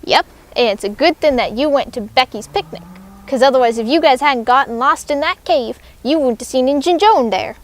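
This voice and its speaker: A young woman voicing Huckleberry Finn, a rough, swaggering village boy with folksy grammar, in a school character play. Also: high voice, expressive, fairly quick.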